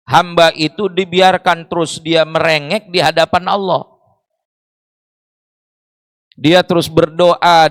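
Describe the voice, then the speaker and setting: A man's voice: a little high, a bit bright, no room sound. A man preaching a sermon in a mosque, explaining with rhetorical questions and Arabic phrases.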